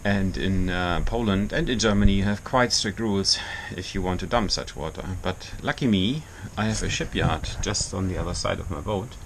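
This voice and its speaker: A man who is a non-native English speaker gives an informal, halting walkthrough tour as a boat owner, explaining things as he goes. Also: low-pitched. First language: not English. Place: small engine compartment inside a boat. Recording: clear background noise in engine room.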